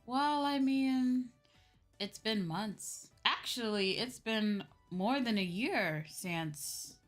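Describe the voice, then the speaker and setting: This young woman streams as a VTuber, drawing out her words in a voice on the higher side. She chats casually and hesitantly with her viewers, thinking aloud, and she sounds tired and a bit sore from a long day of talking, with music behind her.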